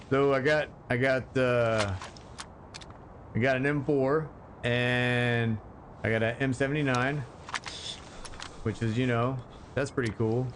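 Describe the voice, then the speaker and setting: A man's voice: mid-range voice, fairly even intonation, a little hiss or hum. A man casually commentating his game on a live stream, joking and chatting with viewers, rambling with lots of fillers. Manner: slow, rambling with many fillers.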